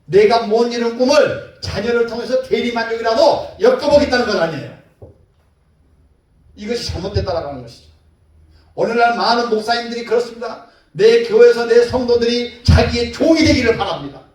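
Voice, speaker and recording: Man, pastor, emphatic sermon, very high voice, heavy hall echo. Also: brisk, a little mellow. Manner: emphatic, asks the congregation rhetorical questions. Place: church sanctuary. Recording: echoey hall, mic far off.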